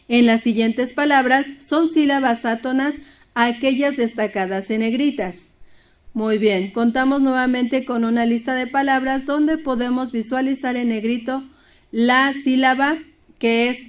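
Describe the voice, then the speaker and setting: A woman's voice: on the high side, unhurried. A woman teaching a primary school Spanish lesson, explaining steadily and reading poems and word examples aloud.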